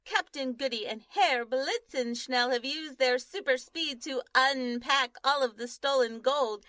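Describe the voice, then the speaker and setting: A woman's voice: high-pitched, measured pace, pushed and bright, no room sound, studio quality. A woman voicing a melodramatic on-scene news reporter, narrating the action as it happens. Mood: dramatic. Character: breathless female news reporter.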